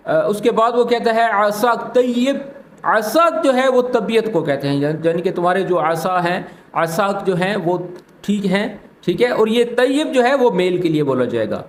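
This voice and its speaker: Brief: man, high-pitched, patient lesson host, recorded in an echoey room. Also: expressive. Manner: patient, explanatory, repeats phrases slowly. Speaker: Arabic teacher, channel host. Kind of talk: language lesson explanation.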